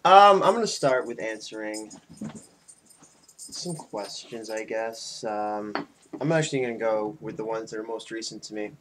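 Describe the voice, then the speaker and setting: Man in his twenties, tipsy, slightly low voice, casual meandering vlog talk, webcam mic, faint background noise. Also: fairly even intonation, a little slow. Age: 20s. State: tipsy from drinking beer. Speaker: video blogger. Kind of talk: casual rambling vlog to friends. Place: small indoor room at home. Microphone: webcam mic at about arm's length.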